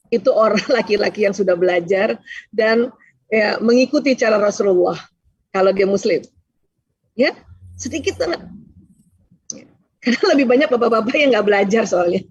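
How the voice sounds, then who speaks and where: Woman, casual reassuring advice talk, husky voice, dull dry recording. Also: mid-range voice, a little mellow, dry recording. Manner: chatty and reassuring, laughs often, addresses listener as Bun. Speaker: parenting advice speaker answering questions.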